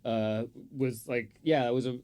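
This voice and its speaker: A man's voice: medium pitch, steady tone, a little slow, a little mellow. A man chatting on a podcast as the football pundit, opinionated and rambling, with lots of fillers and the odd swear. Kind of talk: casual chat.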